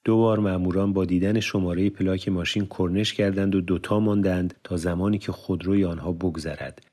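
A male audiobook narrator with a very deep, low voice. He reads literary prose in a measured, formal way, with steady pacing.

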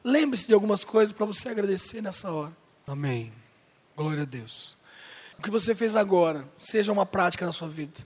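A man's voice: high voice, fast, few pauses, a little mellow, husky. A man preaching a sermon as pastor, joking with and directly addressing the congregation at a church service. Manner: playful, jokes with and addresses the congregation. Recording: long hall reverb.

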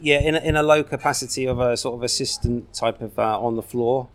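A man's voice: medium pitch, a little fast. A man, a laid-back guest telling his story in a casual interview with many fillers. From United Kingdom.

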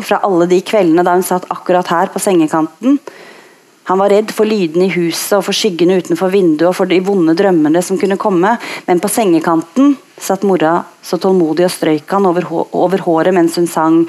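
A woman reading a literary passage aloud in a slow, measured way. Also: on the low side, a little mellow.

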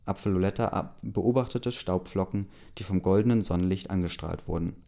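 Man reading a story aloud, casual, hesitant, lots of fillers, low voice. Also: brisk, creaky, mellow. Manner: hesitant, many fillers, laughs between lines. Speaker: story reader.

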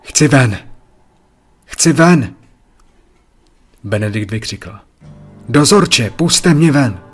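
A man voicing a terrified male prisoner locked in the dark, pleading and panicky. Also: on the low side, expressive, husky, faint music behind. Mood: screaming.

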